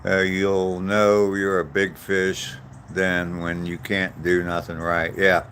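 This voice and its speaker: With slight background noise around him, a man in his sixties takes it slowly as he walks outdoors and answers his live chat, a vlogger chatting casually in a rambling, self-deprecating manner. His low voice is fairly bright and shows little pitch movement.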